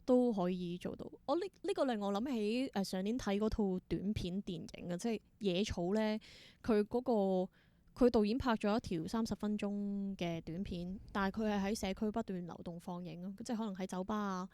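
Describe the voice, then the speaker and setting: A theatre performer and creator with a Hong Kong Cantonese accent speaks as a guest in a casual interview, reflectively thinking aloud and mixing in some English words. Her mid-range voice is mellow, at normal speed, with no echo.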